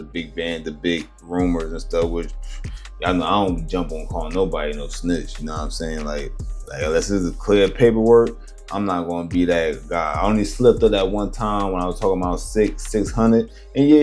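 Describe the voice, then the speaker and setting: A man giving casual video commentary in rambling street slang, often checking that listeners follow him. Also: low voice.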